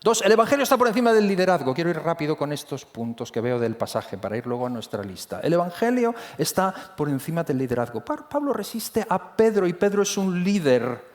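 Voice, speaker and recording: A man preaches a sermon in a loose, conversational way, with many restarts and asides. His voice sits a little high for a man. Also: sing-song, brisk, few pauses. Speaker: pastor. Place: church hall.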